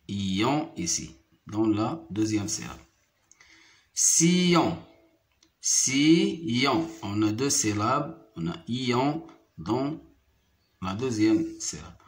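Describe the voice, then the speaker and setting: A man with a Moroccan accent teaching a French phonics lesson, repeating each word slowly and carefully. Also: mid-range voice. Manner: slow, deliberate syllable-by-syllable repetition. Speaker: primary school French teacher.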